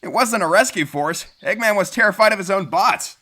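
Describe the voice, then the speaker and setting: A man's voice: sits high, lively intonation, brisk, noisy background. A man voicing a cocky, good-hearted young hedgehog hero in a cartoon fandub, casual, confident and breezy. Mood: relenting, friendly. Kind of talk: cartoon comic fandub acting.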